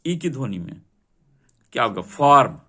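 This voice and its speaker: Husky, lively male teacher drilling words. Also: fairly high pitch, slow pace. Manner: drills word meanings, asks students to repeat. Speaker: English teacher. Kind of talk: classroom vocabulary lesson.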